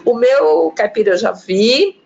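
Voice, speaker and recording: Woman presenter for an online talk: slow, chatty delivery that acts out the sounds, dull lo-fi stream audio. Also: medium pitch, animated, vocal fry, a little mellow. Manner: chatty, demonstrates regional pronunciations. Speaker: lecturer on pronunciation. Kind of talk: live online talk, reading viewer comments.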